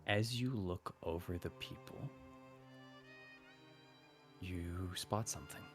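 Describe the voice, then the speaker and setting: A man's voice: low voice, slow. A man narrating a tabletop game as game master, improvising in a conversational storytelling manner. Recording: music behind the voice.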